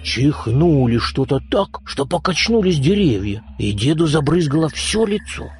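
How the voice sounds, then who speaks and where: A man reading a folk tale aloud in a dramatic, expressive way, acting out the cries of the creatures. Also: a little high, moderate pace, slightly rough. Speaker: storyteller.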